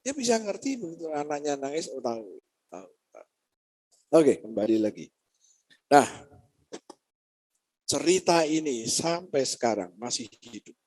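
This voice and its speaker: A middle-aged man preaching a sermon over a video call, telling lively stories and acting out dialogue. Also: on the high side, normal speed, pauses often, rough recording. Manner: lively storytelling, acting out dialogue, teasing the congregation. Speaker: pastor. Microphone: video call over Zoom.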